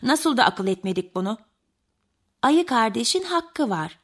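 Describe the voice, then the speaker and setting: A woman voicing a helpful but proud crow with a gruff, self-assured manner. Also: fairly high pitch, sing-song, unhurried, full character voice. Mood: agreeing.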